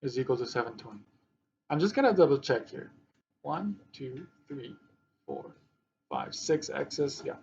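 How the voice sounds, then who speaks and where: A man's voice: medium pitch, sing-song, creaky, a little mellow, muffled recording, slight background noise. Man teaching a math lesson, thinking aloud. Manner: thinking aloud, slow and halting while working problems; dry, sarcastic asides.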